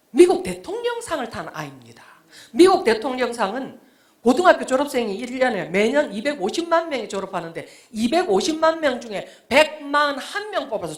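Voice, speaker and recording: Expressive woman telling a testimony. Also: on the high side. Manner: emotional storytelling, swings from hushed whispers to loud exclamations; acts out her own past speech and thoughts. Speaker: guest speaker, author. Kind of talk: testimony talk to a church audience.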